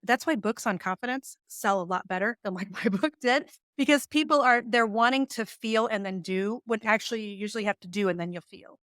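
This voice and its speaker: A woman's voice: mid-range voice, brisk, hardly any pauses, no echo, clean studio sound. A woman in her forties, a business coach and author, telling stories casually in an interview and acting out her own inner voice. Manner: animated, acts out her own inner dialogue with laughs. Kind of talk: casual storytelling in a podcast interview.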